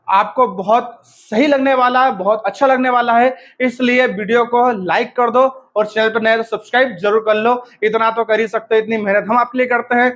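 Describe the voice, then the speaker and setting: A man's voice: very high-pitched, fairly bright tone. A man teaching an exam-prep lesson while he has a cold. He drills by asking and answering his own questions and spells words out letter by letter.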